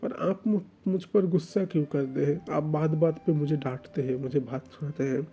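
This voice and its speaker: A man's voice: fairly high pitch, fairly even intonation, moderate pace, dark tone, slight background noise, natural voice. A man voicing a timid, tearful young man who stammers and pleads in a whiny way. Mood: tearful pleading.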